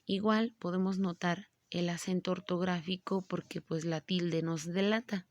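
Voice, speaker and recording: Slow, patient woman teacher. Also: lowish voice, fairly even intonation, dry recording, studio quality. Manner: slow, patient, stretches words into syllables. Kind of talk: classroom grammar lesson.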